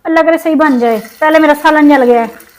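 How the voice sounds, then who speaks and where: A woman from Pakistan chatting in a cooking vlog, upset and venting, her throat sore from shouting. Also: sits high, brisk, rough recording. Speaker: cooking vlogger. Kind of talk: casual cooking vlog chat.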